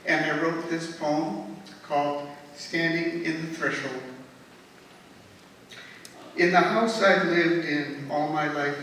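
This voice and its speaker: A woman reading her own rhymed poems at a talent show in a measured, rhythmic way. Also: sits low, fairly bright tone. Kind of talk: poetry reading. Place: talent show stage in a hall. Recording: echoey hall recorded from far off, faint noise.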